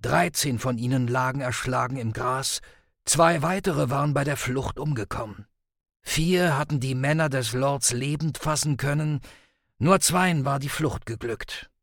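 A man narrating audiobook passages in a measured, grave storytelling voice. His tone carries a gravelly edge and a husky grain. It is recorded dry and close, with no room sound. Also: mid-range voice, a bit bright, dry recording. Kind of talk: scripted narration of audiobook excerpts.

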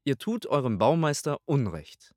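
A man's voice: medium pitch, big pitch swings, moderate pace, mellow, dry recording, pitched above the performer's own voice, natural voice. A man voicing a deferential court architect in an audiobook, polite with a dry, ironic edge. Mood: courteous. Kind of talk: audiobook character voice.

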